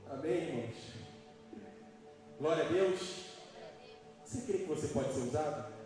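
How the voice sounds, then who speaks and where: A man's voice: on the high side, a little slow, a little mellow. A man preaching a live sermon as pastor, emphatic and questioning his congregation. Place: church hall. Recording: echoey hall from far off, music behind.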